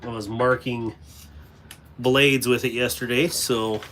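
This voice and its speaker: A man's voice: medium pitch, little pitch movement, takes it slowly, fairly bright tone, a little hiss or hum. A man hosting a casual livestream, rambling to his chat while sorting stickers and gear at a cluttered workspace. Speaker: livestream host. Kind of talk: casual live-stream chat.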